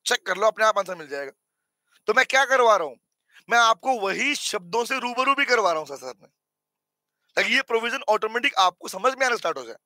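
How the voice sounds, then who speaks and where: A man with a strikingly high, bright voice teaches a live online accounting class, hoarse from talking. He quizzes his students, teases them and keeps the lesson animated. The sound is close and dry. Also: brisk, no echo.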